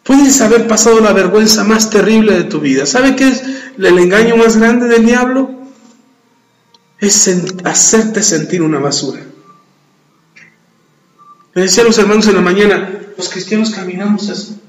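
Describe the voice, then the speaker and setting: A man's voice: high voice, normal speed, long pauses. A middle-aged man preaching a sermon in a church, emphatic, repeating his phrases and adding jokey asides. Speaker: pastor. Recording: echoey church hall.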